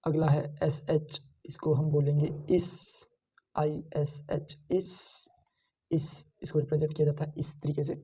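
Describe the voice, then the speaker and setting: A man teaching shorthand, slowly repeating each sound and pointing out how every stroke is drawn. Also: a little high, monotone, a little mellow, slightly rough, far from the mic. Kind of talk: screen-share lesson.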